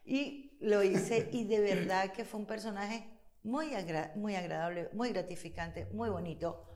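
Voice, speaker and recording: An actress chatting as a guest in an interview, lively and quick to laugh, breaking into accent impressions. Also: female voice, mid-range voice. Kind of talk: casual interview chat. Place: studio in Chile.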